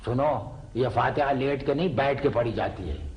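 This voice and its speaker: A man's voice: medium pitch, normal speed, dull audio, close to an everyday voice. An actor playing a fussy, boastful middle-aged father who takes pride in writing, in a classic television comedy drama. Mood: indignant, boastful. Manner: animated, exclaiming, flowery praise. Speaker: father of the household.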